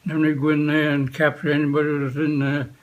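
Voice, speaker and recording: An elderly man, a veteran, remembering his past in an unscripted interview, speaking in short, halting phrases with frequent pauses. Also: on the high side, completely flat delivery. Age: 80s or older. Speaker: war veteran being interviewed. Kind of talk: unscripted reminiscence, recalling the past.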